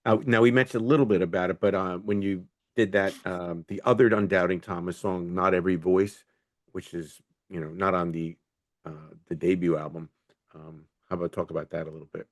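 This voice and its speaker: Host: man, very deep voice, dry sound, relaxed and brief. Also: fairly quick, no room sound. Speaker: interview host. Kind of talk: casual interview questions.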